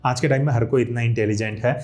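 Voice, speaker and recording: Male YouTube creator, 30s, friendly tutorial voice, mid pitch, punches key words, Hindi laced with English. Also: fairly even intonation, fast, a little mellow. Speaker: YouTube creator teaching video skills. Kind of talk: casual instructional talk to camera. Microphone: studio microphone.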